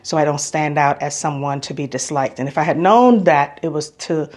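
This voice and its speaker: In a low, darkish voice at a moderate pace, an American woman talks casually in her travel vlog. Chatty and opinionated, she underlines her points through emphatic repetition.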